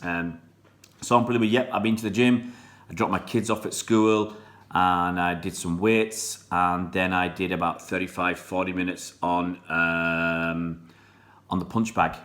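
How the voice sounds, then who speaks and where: This fan channel live streamer, a middle-aged man born in Pakistan and raised in England, talks casually and rambles between comments while greeting viewers by name. He speaks a little slowly in a low, steady voice with a slightly bright quality.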